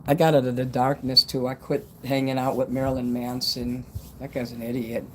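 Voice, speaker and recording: A man's voice: medium pitch, fairly quick, poor audio. A man in his fifties from the United States whose s sounds whistle, chatting bluntly and ramblingly as a livestream host. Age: 50s. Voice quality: whistling s sounds from a dental retainer. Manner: blunt, rambling, frequently swearing. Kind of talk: casual livestream chat. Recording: steady background noise.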